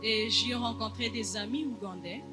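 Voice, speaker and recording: A man interpreting a church testimony live, halting with frequent hesitations. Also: sits high, over loud music.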